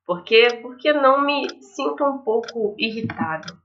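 A young woman with a Brazilian accent reads a visual novel aloud as a gaming host, dropping in casual asides. Her slightly high voice is fairly bright, with lively intonation and a measured pace. A dull lo-fi mic adds a little hiss or hum, and faint game music plays behind her.

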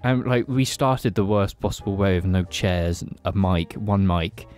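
A man's voice: deep voice, a little slow, a little mellow, soft background music. A man in his twenties chatting casually on a podcast, rambling and repeating himself as if whiskey-drunk. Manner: tipsy, rambling drunk talk with repeated phrases. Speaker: podcast co-host. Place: small padded attic room. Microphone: podcast mic on boom arm.

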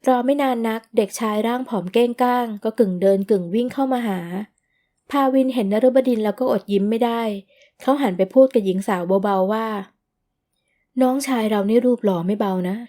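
A woman reads a romance audio novel as scripted narration. Her voice sits somewhat high, and her storytelling read is smooth and steady. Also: a little fast.

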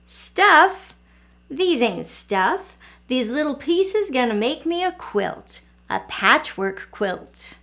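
A proud old grandmother drawls her homespun folksy speech slowly, drawing words out as she muses over her quilt, put on by a woman reading a storybook aloud. She sounds older and gentle, speaking at an unhurried pace. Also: high-pitched, sing-song, creaky, voice pushed up, heavily acted. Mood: fond. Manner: folksy dialect speech, slow and drawn out.

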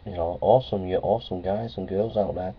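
Husky and low, with fairly even intonation, a middle-aged vlogger talks fairly quickly to a close-up webcam. He speaks plainly, repeats phrases, and says um and uh often in this casual vlog. The room is a small office with framed certificates on the wall, and the webcam audio is dull, lo-fi, and faintly hissing.

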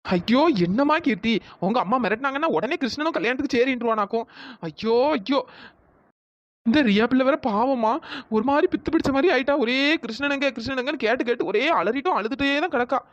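A woman's voice: a little high, dry recording, muffled recording, natural voice. A woman voicing a bossy, gossiping village neighbor in a cartoon story, with chatty, scolding talk. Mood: gossipy. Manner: chatty, scolding, fast-talking.

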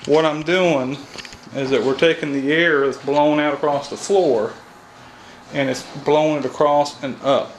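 Unhurried and a little high-voiced, a thirtysomething Kentucky HVAC technician gives a casual on-the-job rundown of heating and air repair, outdoors by an AC unit and later inside a house. His intonation stays fairly even as he muses aloud in folksy fashion, saying "all right" a lot. The camera-mic recording is low quality, with a little hiss or hum.

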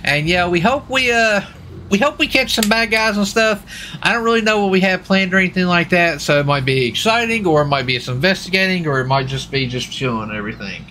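A live streamer, an adult man with young children, chats folksily and informally with viewers while gaming. His voice is high-pitched, sharp and animated, and he talks fast, with a little hiss or hum in the background.

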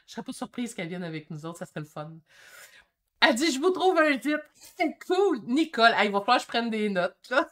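An energetic Québécoise woman in her fifties hosts a casual painting livestream, chatting while reading comments. Her slightly high voice comes in eager bursts that swing between loud and soft, and her excitable, chatty manner shifts energy quickly.

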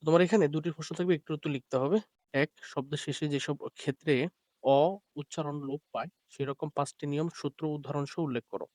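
A man's voice: on the high side, fairly even intonation, a little fast, a little mellow, no echo. A man teaching an exam preparation lesson, reading out questions and word lists with filler sounds. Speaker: online madrasah teacher.

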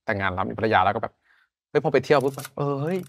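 A man's voice: mid-range voice, lively intonation, racing, a little hiss or hum. A man from Thailand in his thirties, a podcast guest chatting casually in loose, slangy talk. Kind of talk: casual chat.

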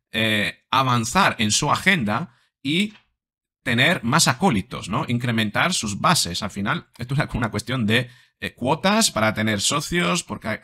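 A man's voice: mid-range voice, sharp tone. A man in his thirties, a psychologist commentating on a video, talking emphatically with many fillers and rhetorical questions into a desk microphone in a small home studio. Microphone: desk microphone in front.

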